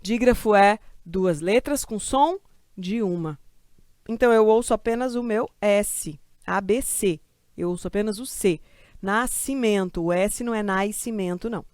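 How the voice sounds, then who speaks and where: A woman from Brazil teaching a grammar lesson for exam prep, lively and chatty, asking questions and answering them herself. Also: mid-range voice, a little slow, no room sound, studio quality.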